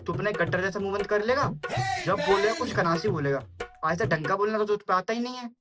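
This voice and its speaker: A man playing a short-tempered, foul-mouthed middle-aged father who rants insults, with loud music behind. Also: sits high, quick pace, natural voice. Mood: ranting. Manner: abusive, shouting insults. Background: loud background music.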